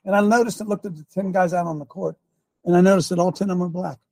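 An older man hosting a show in a preachy commentary style, repeating his points and firing rhetorical questions, often clearing his throat. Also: high-pitched, steady tone, fast talker, darkish tone, no room sound. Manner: emphatic, repeats lines, fires rhetorical questions. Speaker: show host.

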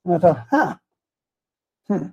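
A raspy, high-voiced American man hosts a religious talk show, speaking a little slowly as he chats casually. Animated and folksy, he tells meandering personal stories and repeats phrases for emphasis.

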